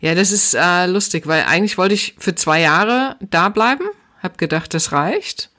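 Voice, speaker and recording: Middle-aged German woman guest, lowish voice, reflective storyteller. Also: animated, normal speed, bright, forceful tone. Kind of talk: casual interview chat.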